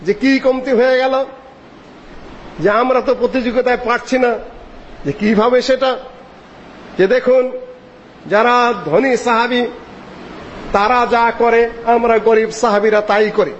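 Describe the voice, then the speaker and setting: A man preaching a sermon, reciting Arabic verses and explaining them, with animated swings in pitch for emphasis. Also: a little slow, long pauses, a little hiss or hum. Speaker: Islamic preacher. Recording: dull lo-fi recording in a reverberant hall.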